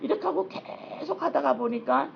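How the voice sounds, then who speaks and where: A woman's voice: high-pitched, lively intonation, moderate pace, creaky, muffled recording, slight background noise. A woman pastor preaching a sermon in a conversational, repetitive way and reading scripture aloud. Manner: conversational, repetitive preaching that acts out little dialogues.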